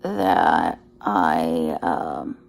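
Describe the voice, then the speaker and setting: Weary, drained woman vlogging slowly. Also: very deep voice, vocal fry, faint music behind. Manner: hesitant, trailing off. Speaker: vlogger sharing daily health updates. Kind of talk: casual, rambling personal vlog.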